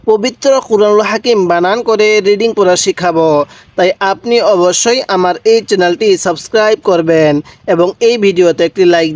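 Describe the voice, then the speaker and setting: A man's voice: high voice, dry recording. A male Quran reading teacher from Bangladesh giving a step-by-step recitation lesson and repeating drills for the viewer to recite along.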